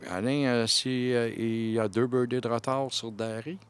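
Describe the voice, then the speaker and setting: A man's voice: mid-range voice, steady tone, measured pace, clear, resonant tone. A man with a Quebec French accent giving analytical live colour commentary on mini-putt, explaining shots and scores.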